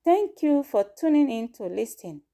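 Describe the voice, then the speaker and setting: A woman's voice: high voice, sing-song, moderate pace, dark tone. A woman with a Nigerian accent hosting news commentary in conversational Nigerian Pidgin, with exclamations and interjections. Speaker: host of a news commentary show.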